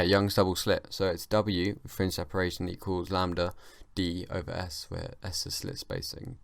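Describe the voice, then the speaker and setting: A man's voice: low voice, no echo. A young man hosting a solo comedy podcast, rambling and mumbling through a self-mocking stream of thought on a home mic. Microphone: home mic with makeshift pop filter.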